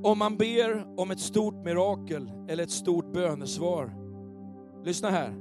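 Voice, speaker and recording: A male pastor preaching an animated sermon in a church, often checking if the congregation is with him. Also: high-pitched, over music. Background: soft keyboard pads.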